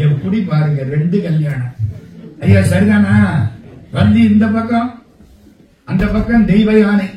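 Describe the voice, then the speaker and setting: High-voiced man giving a devotional talk. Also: lo-fi sound, slight background noise. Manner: storytelling with humorous asides, chants verses. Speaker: devotional speaker. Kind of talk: devotional stage speech. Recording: echoey hall, from a distance.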